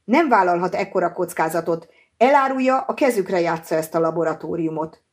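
A woman's voice: on the low side, lively intonation. A woman reading an audiobook, voicing an anxious, urgent female doctor. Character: anxious female doctor, adult, worried and forceful.

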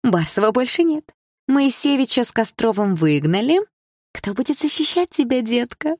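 Woman doing a shrill, taunting teen girl bully. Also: very animated, moderate pace, dry recording, studio quality. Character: spiteful teenage girl bully, mocking.

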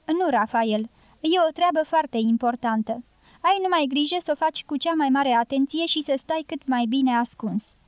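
A woman's voice: sits high, no echo, close to an everyday voice. Woman reading a stern, commanding man. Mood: instructing, firm. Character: stern, serious American man giving orders.

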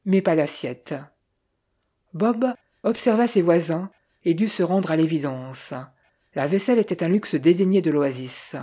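A woman reading a novel aloud in measured, scripted audiobook narration. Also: fairly low pitch, warm tone, husky.

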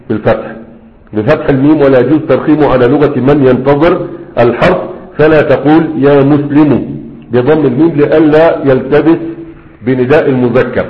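A man with an Egyptian accent teaching Arabic grammar to a class. He keeps asking rhetorical questions and then answers them himself. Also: medium pitch. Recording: echoey lo-fi room recording.

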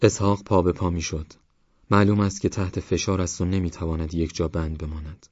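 Deep-voiced man reading an audiobook. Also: dry recording, highs cut off. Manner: calm, measured, even reading. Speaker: audiobook narrator. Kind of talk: scripted audiobook narration.

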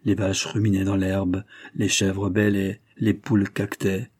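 Un homme lit un roman en livre audio, d'un ton posé et expressif. Sa voix est plutôt grave, sombre et un peu voilée. L'enregistrement est très sec, sans écho. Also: male voice, deep voice, monotone, measured pace, darkish tone, slightly rough, no room sound, clean studio sound. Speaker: audiobook narrator. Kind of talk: literary audiobook reading.

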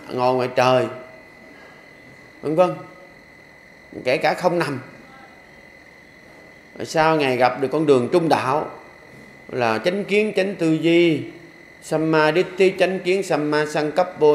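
In an echoey temple hall with faint ambience, plus a little hiss or hum, an older monk gives a Buddhist dharma talk as a sermon. His voice is on the high side, his accent is Southern Vietnamese, and his preaching is folksy and joking, built around rhythmic repeated refrains.

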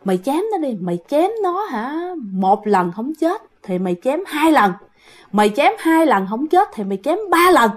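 A woman's voice: high-pitched, sing-song, fast talker, pitched above the performer's own voice. A woman voicing a whispering spirit that insistently urges someone to kill, with a Southern Vietnamese accent. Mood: urging. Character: whispering spirit voice urging a killing.

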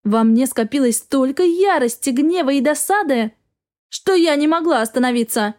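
A woman's voice: sits high, lively intonation, moderate pace, darkish tone. Woman reading first-person story narration. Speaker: audiobook narrator.

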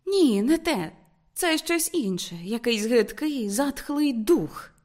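A woman's voice: high-pitched, slow pace, voice pushed up. A woman voicing a refined young woman in an audiobook, reproachful and pleading. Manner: reproachful, pleading, raised and lively. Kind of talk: audiobook character reading.

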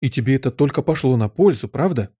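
A man's voice: medium pitch, animated, fast talker, dark tone, slightly rough, dry recording, clean studio sound. A man voicing a fussy, flustered elderly queen in an audiobook, given to wailing and crying out. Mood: airy, knowing. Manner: wails and cries out, fretful.

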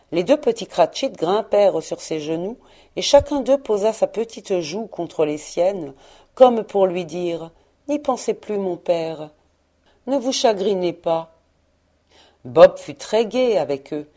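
A woman reads a classic tale aloud at a calm, measured pace. Her voice sits a little low and sounds warm and mellow, with nothing sharp in it. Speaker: audiobook reader. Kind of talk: audiobook narration.

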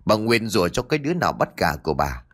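A man putting on a scolding, foul-mouthed village matriarch, cursing in long sharp tirades, low voice, lively swings in pitch. She spits out every line with cold venom, a harsh storybook shrew. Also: fast talker.

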